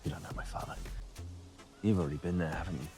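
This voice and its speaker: An actor playing an earnest young male adventurer in a hushed fantasy screen drama. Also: deep voice, quick pace, music in the background, close to an everyday voice.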